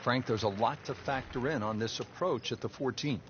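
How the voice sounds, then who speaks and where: A man's voice: medium pitch, moderate pace. Male golf commentator, dull noisy crowd-backed audio.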